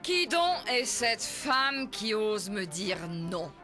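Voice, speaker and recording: A woman's voice: mid-range voice, very animated, very slow, sharp tone, faint music behind, exaggerated voice. A woman playing a cruel male bailiff, speaking with mock friendliness and cold commands. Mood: menacing.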